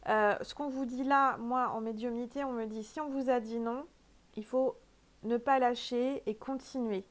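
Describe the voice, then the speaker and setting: A woman's voice: a little high, steady tone, normal speed. A woman with a French accent doing a casual spiritual oracle card reading, chatty and emphatic, with many fillers.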